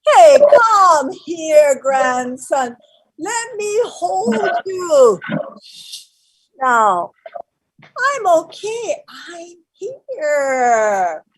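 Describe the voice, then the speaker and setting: A fierce old grandmother, played by an actress on stage, her voice set high and swinging wildly up and down. She talks in slow, broken English, with bursts of shouting that drop into hushed murmurs. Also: very animated, slight background noise, full character voice, poor audio. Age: older. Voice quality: broken English, shifting between shouts and whispers. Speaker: actor. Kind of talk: live-streamed stage play.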